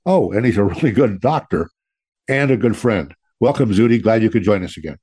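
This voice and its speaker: A man's voice: fairly low pitch, lively intonation, brisk, dark tone, husky, no room sound. A man hosting a veteran talk radio show, greeting listeners as troops and interviewing a guest in a folksy way.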